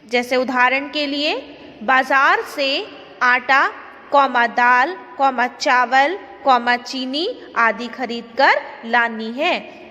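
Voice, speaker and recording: Slow, high-voiced woman teacher. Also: bright, forceful tone, long reverb tail. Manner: slow, explanatory, asks the class questions. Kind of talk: online grammar lesson.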